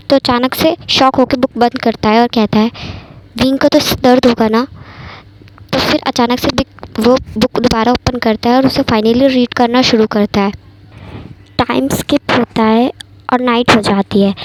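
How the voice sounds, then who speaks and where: Lady chatting through a fan story, kinda high voice, light hiss. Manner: chatty, conversational. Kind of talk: casual fan-story narration.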